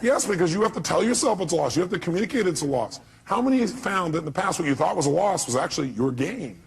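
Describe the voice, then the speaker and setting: A man giving a motivational seminar talk, animated and acting out the voices he quotes, sometimes shouting. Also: sits high, fast, vocal fry, crowd noise. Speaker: motivational speaker.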